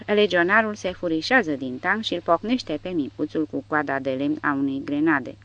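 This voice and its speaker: A woman narrating an audiobook in a dramatic, expressive reading style. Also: low-pitched, no room sound. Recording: dull dry recording.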